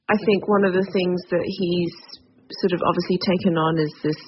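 Female food writer, monotone, careful and hesitant. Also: on the low side, moderate pace, muffled recording, slight background noise. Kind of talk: interview answers.

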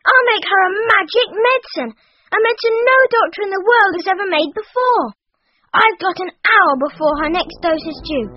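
A woman voicing an eight-year-old boy who stammers when frightened and grows excitable as he schemes, in a dramatized storybook. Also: extremely high pitch, moderate pace, dry recording, highs cut off. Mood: excited scheming. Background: music underneath.

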